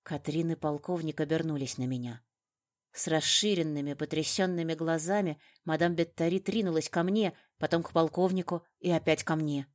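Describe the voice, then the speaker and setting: Low-voiced woman narrating an audiobook. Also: steady tone, normal speed, darkish tone. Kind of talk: first-person audiobook narration.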